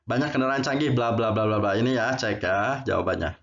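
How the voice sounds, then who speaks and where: A man's voice: medium pitch, brisk, fairly bright tone, highs cut off. A man teaching an English vocabulary lesson. He reads word pairs, drills them and explains in a patient, chatty way. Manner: repeats words and explains, adds "ya" to phrases.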